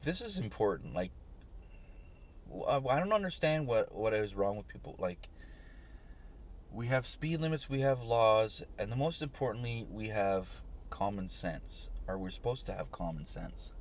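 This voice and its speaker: A man's voice: fairly low pitch, animated, moderate pace. A man, short on sleep, ranting on his vlog, swearing and irritated. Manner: swearing, ranting, rising to shouts. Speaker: vlogger.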